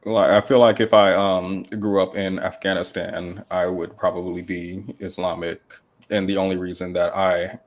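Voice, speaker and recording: A man from the United States co-hosting a podcast, speaking deadpan in casual chat with many hesitant ums. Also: deep voice, moderate pace. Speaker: podcast co-host. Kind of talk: casual chat reading super chats.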